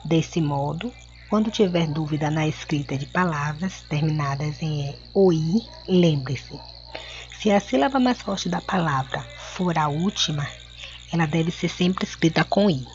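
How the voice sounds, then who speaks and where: A woman teacher with a Brazilian accent, going through a lesson slowly and clearly for children and drawing out words syllable by syllable. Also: low-pitched, a little mellow. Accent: Brazilian Portuguese. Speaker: schoolteacher. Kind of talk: recorded classroom lesson. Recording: dull lo-fi home recording.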